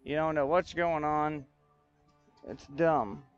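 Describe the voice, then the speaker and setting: A man's voice: a little high, steady tone, slow pace, muffled recording, soft background music. A man streaming live, chatting casually with viewers, frustrated and thinking aloud while he sorts out technical trouble. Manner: frustrated, talks to chat while fixing tech trouble. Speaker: livestreamer. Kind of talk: casual livestream chat.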